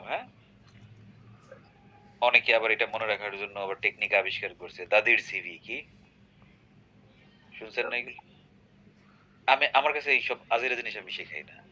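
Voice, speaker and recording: A man teaches a grammar class in a very bright, forceful voice. He keeps quizzing his student with quick tag questions. The recording is dull and lo-fi. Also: fairly low pitch, lively intonation. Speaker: English teacher.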